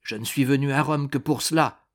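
A man's voice: medium pitch, steady tone, a little fast, close to an everyday voice. A man doing a small secretive steward. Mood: earnest. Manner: earnest, eager to explain.

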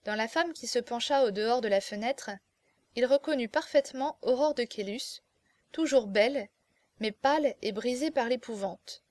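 A woman reading a classic novel aloud as audiobook narrator, measured and expressive. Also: fairly high pitch, no echo.

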